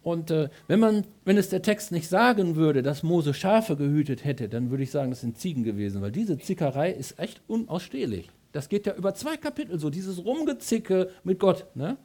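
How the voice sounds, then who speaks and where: A middle-aged man preaching a sermon with a lively, colloquial delivery that swings between loud and soft. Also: on the high side, moderate pace, few pauses.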